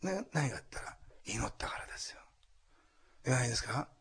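A man pastor preaching a sermon to a congregation and leading a prayer, animated and dropping to whispers for emphasis. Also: mid-range voice, fast talker, slightly rough. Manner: animated, acts out quotes, drops to whispers. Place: church hall before a congregation.

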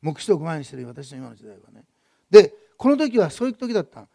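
A man preaching a sermon as pastor, building to loud emphatic repetition and then dropping to soft asides. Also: fairly high pitch, big pitch swings, fast, vocal fry, no echo, clean studio sound.

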